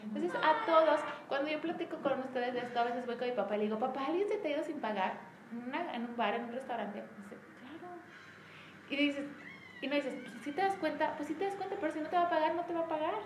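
A high-pitched Mexican woman talks casually to a small group in an echoey room, as if leading a team meeting. She acts out quoted dialogue with lively swings in voice, and a faint hum of background noise sits under her. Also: fast talker. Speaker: Mary Kay sales director leading a team meeting. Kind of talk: casual motivational talk to a group.

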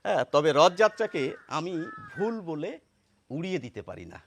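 A man giving a pronunciation lesson, slowly saying example words and contrasting them, and asking his listeners questions. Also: on the high side, very animated, slight background noise. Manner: slow, deliberate, repeats example words in contrast; addresses listeners directly with questions. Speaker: Bengali pronunciation teacher.

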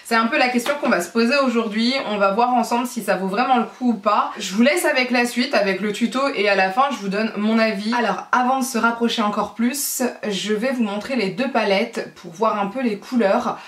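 A woman's voice: on the high side, a little fast, a bit bright. A woman vlogger from France chatting casually through a makeup tutorial, explaining each step with frequent fillers as she works. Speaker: beauty vlogger. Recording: echoey room.

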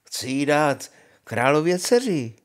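An older man reading aloud and voicing a cheerful, foolish young peasant who hollers and sings out in high bursts. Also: big pitch swings. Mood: pleased.

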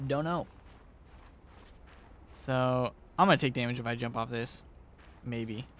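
A man's voice: mid-range voice, measured pace. A man giving let's play commentary, chatty and thinking aloud as he plays, often unsure of himself. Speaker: gamer.

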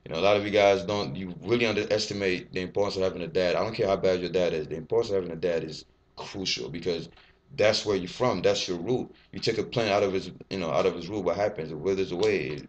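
A fitness vlogger in his twenties, originally from Ivory Coast and a first-language French speaker, rambles freely and swears in a casual vlog recorded on his desk webcam. His voice is low-pitched and quick. The small, bare indoor room comes through in dull audio.

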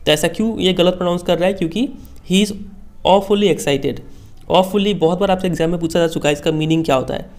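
A man's voice: high-pitched, fairly quick. A male teacher patiently explaining a school text line by line, often checking that students follow.

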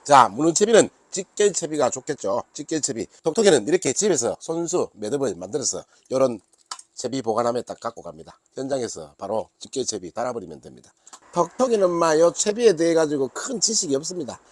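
A man's voice: a little high, a little mellow, no room sound. Jokey older man with a Gyeongsang accent. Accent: Gyeongsang Korean. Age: 60s. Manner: jokey, calls himself by nickname, bantering with himself. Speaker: fishing rod maker and seller. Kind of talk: casual product talk to camera.

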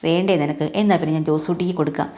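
A woman's voice: low-pitched, steady tone, rapid-fire, warm tone, close to an everyday voice. A woman voicing a bossy but doting older woman who runs the house.

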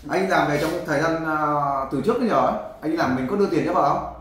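A man interviewing a husband, pressing him with brisk, probing questions. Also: fairly high pitch. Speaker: interviewer, volunteer helper. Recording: very echoey room.

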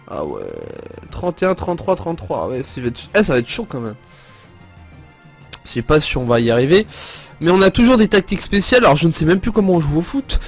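Excitable man commenting on his gameplay. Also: sits high. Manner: excitable, joking, laughs often. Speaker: let's play gamer.

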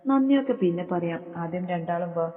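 A man voicing a calm young doctor reassuring a grieving family in a storybook reading. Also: high voice, brisk. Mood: coaxing. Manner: reassuring, coaxing. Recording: tinny phone-like sound with long reverb.

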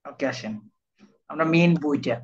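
A man's slightly high voice comes through dull, lo-fi online-class audio. He teaches an IELTS lesson, repeats key terms, and keeps asking his students whether they are following. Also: normal speed. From Bangladesh. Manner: repetitive, keeps checking understanding with students. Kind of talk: live online class lecture.

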